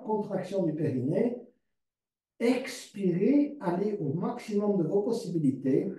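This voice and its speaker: A man teaching a yoga class, giving calm step-by-step cues and slowly repeating words as he guides the poses. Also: high voice. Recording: distant mic in a very echoey room.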